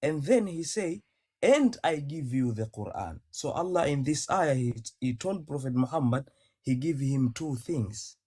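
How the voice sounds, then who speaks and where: A man's voice: medium pitch, animated, unhurried, dark tone, slightly rough, dry recording. A man from Tanzania, debating religion on a call, who talks insistently, repeats himself and recites Arabic verses. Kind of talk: heated debate.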